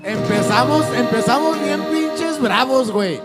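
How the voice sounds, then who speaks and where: A man with a Mexican Spanish accent hosting a casual bar chat, loud and joking with heavy slang. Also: very high voice, animated, a little slow, over loud music. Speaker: podcast host.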